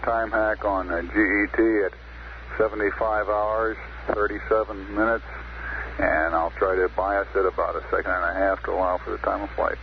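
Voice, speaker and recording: A man at mission control giving measured, matter-of-fact procedural instructions to astronauts over the radio. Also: fairly low pitch, little pitch movement. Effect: radio transmission. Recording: dull, noisy archival space radio link.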